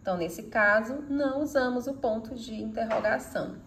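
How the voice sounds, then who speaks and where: A woman with a Brazilian Portuguese accent and a slightly high voice teaches a grammar lesson at a moderate pace, with slight background noise. She poses rhetorical questions and answers them herself, and she reads example sentences aloud with expression.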